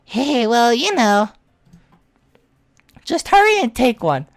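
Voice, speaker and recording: A woman doing a feisty, squeaky anime schoolgirl. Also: sing-song, slow pace, gravelly, dry recording, exaggerated voice. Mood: brusque.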